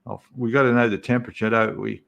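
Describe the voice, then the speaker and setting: A man's voice: lowish voice, fairly even intonation, fast talker, vocal fry, a bit bright, highs cut off. A man, hosting a casual livestream and chatting with viewers in a rambling way with many fillers. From Australia. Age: 50s. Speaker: livestream host.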